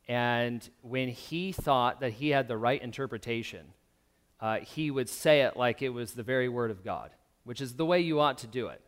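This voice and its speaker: A male pastor delivers a sermon in an everyday speaking voice, at a middle pitch. He talks conversationally, with plenty of ums and restarts as he tells stories to his congregation. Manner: conversational preaching with fillers and restarts.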